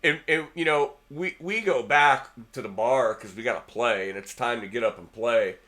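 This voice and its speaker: Bright-voiced man telling a rambling story. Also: mid-range voice, normal speed. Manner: rambling, anecdotal, repeats words. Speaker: guitar channel host. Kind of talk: casual storytelling to camera.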